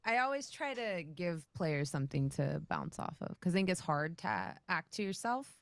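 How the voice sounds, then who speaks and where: A woman's voice: lowish voice, lively intonation, moderate pace, vocal fry. A woman game master chatting casually in a livestream Q&A, rambling and laughing often. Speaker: game master and show creator.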